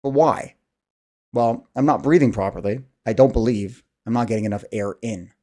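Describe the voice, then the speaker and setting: A man's voice: medium pitch, normal speed, dark tone. A man in his thirties talking candidly to camera in a casual, rambling monologue, sighing often. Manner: candid, rambling, self-deprecating, sighs often. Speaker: vlogger.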